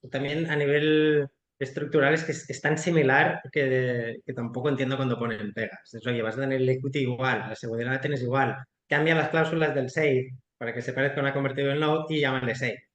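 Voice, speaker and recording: A man's voice: mid-range voice, a little fast, roomy sound, highs cut off. A man, an investor explaining startup equity frankly and colloquially on a video call. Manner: frank, colloquial, animated explanations with quoted asides. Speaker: startup investor and guest expert. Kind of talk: explanatory webinar talk.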